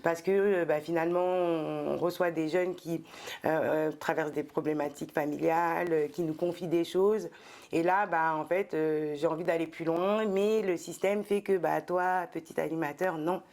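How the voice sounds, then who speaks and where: Low, gravelly-voiced woman, hesitant. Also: steady tone, moderate pace, a little mellow. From France. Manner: thoughtful, many hesitations and fillers. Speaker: guest, entrepreneur and former specialized educator. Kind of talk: casual interview talk.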